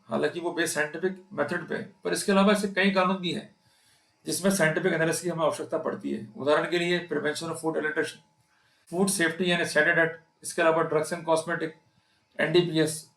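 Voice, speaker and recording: A man with an Indian accent gives an explanatory law lecture, mixing Hindi and English terms, speaking emphatically and posing rhetorical questions to his listeners. His voice is fairly high and fairly bright, with vocal fry, and the sound is reverberant.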